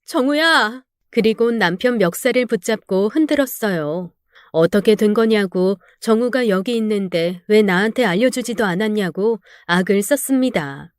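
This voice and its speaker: A woman's voice: medium pitch, normal speed, darkish tone, smooth, no echo, studio quality. A woman narrating a real-life story in the first person, with an emotional, dramatic delivery.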